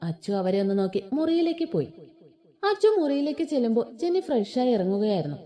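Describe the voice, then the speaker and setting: A woman narrating a romantic family story in an expressive storytelling manner. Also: a little high, brisk.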